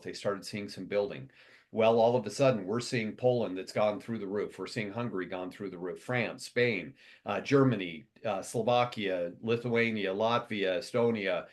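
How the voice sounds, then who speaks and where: With a lowish voice, the man running a company delivers a rambling, rapid motivational speech to his members, repeatedly starting over and stringing together long lists.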